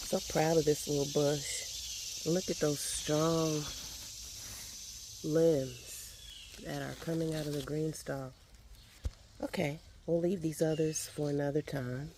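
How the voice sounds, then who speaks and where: A woman's voice: low-pitched, fairly even intonation, slow, pauses often, noisy background. A middle-aged woman, chatting enthusiastically to viewers as she works in her backyard garden. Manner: chatty, enthusiastic, talks to viewers while working. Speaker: home gardener vlogger. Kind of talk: casual garden walkthrough vlog.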